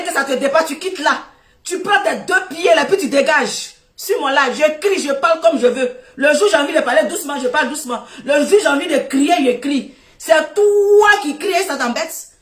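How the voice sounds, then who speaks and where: Middle-aged West African French woman, high voice, loud laughing rant, off-mic in a roomy space. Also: recorded from a distance. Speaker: Facebook live host. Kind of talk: Facebook live rant. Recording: echoey room, off-mic.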